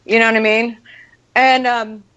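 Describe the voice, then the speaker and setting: A middle-aged woman co-hosting a show, telling stories in a loud, projecting, profane voice. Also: a little high, flat delivery, moderate pace, smooth. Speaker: show co-host. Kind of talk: casual chat. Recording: muffled lo-fi audio.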